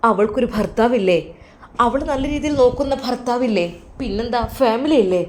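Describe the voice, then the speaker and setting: A woman's voice: a little high, fairly quick, darkish tone, voice pushed up, lightly acted. A woman voicing a devoted, guilt-ridden young man in a spoken story, earnest and reassuring.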